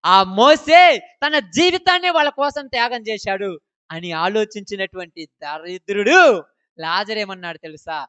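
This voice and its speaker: A male pastor preaching a sermon. He fires rhetorical questions at his listeners and swings from loud declarations to low asides. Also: normal speed, clear, resonant tone, no room sound. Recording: dull, dry lo-fi recording.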